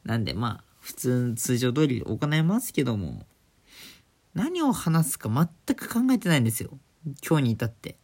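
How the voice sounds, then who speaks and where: A man hosting his own casual talk show, speaking quietly for a late-night recording, chatty, with many fillers and giggles, recorded indoors on a phone. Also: mid-range voice, very animated, normal speed, breathy edge. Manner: hushed, holding back volume for a late recording. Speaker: podcast host. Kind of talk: casual solo radio talk.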